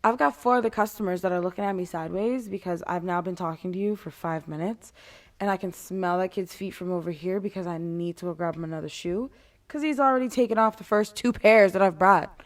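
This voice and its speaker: A woman's voice: on the low side, fairly quick. A woman giving a casual, candid monologue in a blunt way, with casual swearing and sarcastic, exasperated asides. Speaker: retail worker giving advice to customers.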